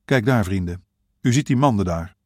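A broad, bearded boatman in a storybook reading, plain-spoken and kindly, a touch louder than the narration, as a male reader voices him. The voice is low and dry. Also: expressive, moderate pace, no echo. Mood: matter-of-fact. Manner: matter-of-fact, reassuring. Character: burly middle-aged bearded boatman, kindly and practical.

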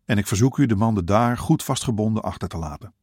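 Man doing burly middle-aged boatman, matter-of-fact, kindly, low dry voice. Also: animated, fast, a little mellow, husky, no echo.

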